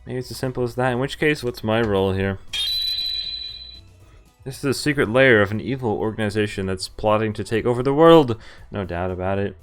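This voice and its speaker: Game music plays as a streamer with a lowish voice moves briskly through a visual novel, reading it out loud. He adds playful, reactive commentary and performs the dialogue.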